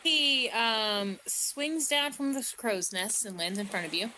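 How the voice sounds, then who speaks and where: A woman running a tabletop game as game master, narrating with a high, bright voice. Her pitch swings widely, and she teases the players playfully. A faint hiss sits under the voice. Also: unhurried.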